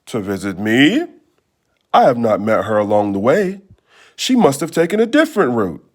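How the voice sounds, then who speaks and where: A man voicing a cunning old storybook wolf who pretends to be a kindly grandmother and coaxes in drawn-out words. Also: mid-range voice, big pitch swings. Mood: coaxing, sly.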